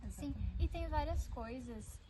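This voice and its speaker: A sixteen-year-old girl, speaking calmly and measuredly as a podcast co-host. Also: high voice, slow pace, music in the background, poor audio. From southern Brazil. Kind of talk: casual chat.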